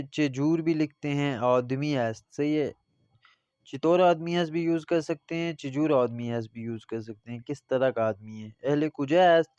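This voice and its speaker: A male teacher with a Pakistani Urdu accent giving a Persian language lesson, reading phrases slowly and then explaining them. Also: a little high, darkish tone, clean tone, no echo. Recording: slightly dull lo-fi audio.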